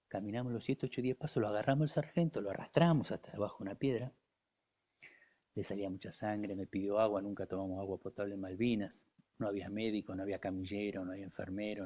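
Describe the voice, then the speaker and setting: A man's voice: fairly low pitch, mellow. A man in his sixties with an Argentine accent, a war veteran guest telling his story in the first person, vivid and intense, acting out other people's words. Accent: Argentine Spanish. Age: 60s.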